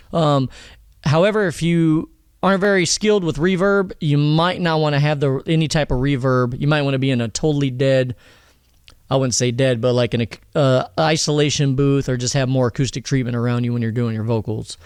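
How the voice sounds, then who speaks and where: A music producer teaches vocal mixing from his home studio in a relaxed, rambling way, regularly checking in with "all right?" and "okay?". His thin voice is a little high, clear and resonant, with no echo.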